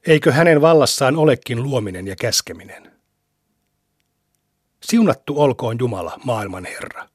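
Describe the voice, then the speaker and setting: A man reading scripture aloud in a measured, deliberate way, with his phrase ends trailing off breathy, on a close studio mic. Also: mid-range voice, lively intonation, a little mellow, dry recording. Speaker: scripture reader.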